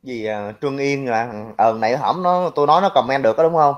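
A man's voice: mid-range voice, fairly quick. A young man with a Southern Vietnamese accent who rants in reply to viewer comments, brash, crude and mocking toward his critics. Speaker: livestream commentator. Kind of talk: ranting reaction to viewer comments. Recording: lo-fi, dull audio.

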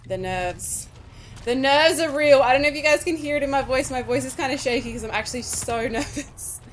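A woman's voice: high voice, moderate pace, slight background noise. Nervous, swearing woman gaming streamer. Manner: nervous, swearing, pleading with the game. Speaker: gaming YouTuber. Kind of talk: casual gameplay commentary.

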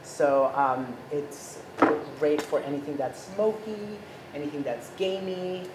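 A man in his thirties, born in Ecuador, explaining a recipe as a chef in a relaxed, explanatory way with many fillers, recorded by a far camera in a home kitchen. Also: on the high side, takes it slowly. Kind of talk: cooking demonstration chat. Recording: echoey kitchen with background noise.

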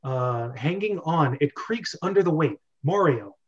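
Heavy background noise and dull audio surround a man in his thirties hosting a script read-through by video call from his bedroom at home. Expressive and a bit slow, his slightly high voice moves between narrating screenplay directions and casual chat.

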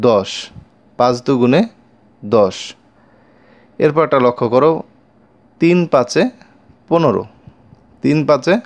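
A Bengali-accented man teaching young children their times tables, repeating each line twice and asking the class questions. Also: mid-range voice. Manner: addresses pupils directly with questions. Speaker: math teacher.

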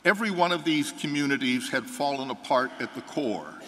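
An older American priest speaks at a mid pitch, reading scripture and preaching in a measured, earnest way. His words carry firm conviction. The sound has a long reverb from the church sanctuary. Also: expressive, pushed and bright, slight background noise. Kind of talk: reading the gospel and preaching a homily. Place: large church sanctuary, seated before an altar. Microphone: fixed microphone at the altar.

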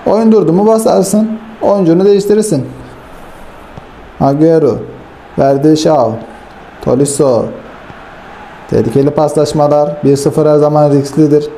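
Excitable gamer man, dark and mellow. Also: a little high, normal speed, pauses often, a little hiss or hum. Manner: excitable, swings from hype to frustrated grumbling; talks straight to viewers as friends. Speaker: gaming YouTuber. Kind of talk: live football game commentary.

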